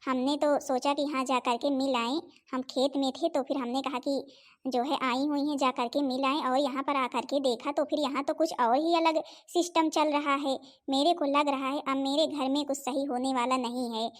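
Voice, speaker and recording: A woman's voice: high voice, fairly even intonation, normal speed, natural voice. A woman voicing a suspicious older mother-in-law grumbling about a visiting relative in a Hindi cartoon.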